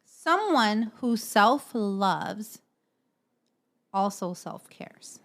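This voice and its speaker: A woman's voice: medium pitch, animated, drawn-out words, a bit bright. A woman co-hosting a podcast in casual chat, explaining earnestly at length and often checking in with "right?". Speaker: podcast co-host.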